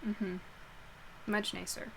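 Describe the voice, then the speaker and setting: A woman chats casually with her live stream viewers from her bedroom before a book reading, rambling and laughing easily. Her mid-range voice is a little nasal, flat and slow, with vocal fry. She uses a headset while wearing headphones, and the recording is rough, with slight background noise.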